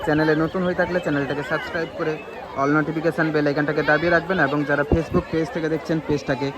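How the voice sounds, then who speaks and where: A man gives live vlog commentary in a fairly high voice. He announces things and repeats phrases for emphasis. He is recorded outdoors, with a busy crowd clearly heard around him. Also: fairly even intonation, fast, background noise. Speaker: vlogger reporting live from a beach. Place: outdoors on a crowded seaside beach.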